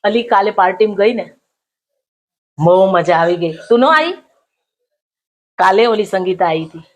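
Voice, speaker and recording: A woman's voice: medium pitch, animated, moderate pace. A middle-aged woman telling a gossipy comic story, mocking and chatty. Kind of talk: comic monologue.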